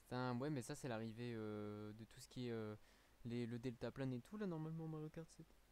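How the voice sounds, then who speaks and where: A man's voice: mid-range voice, a little fast, a little mellow, clean tone. A man with a French accent, a streamer chatting casually on a live stream, rambling with many fillers, a little tired.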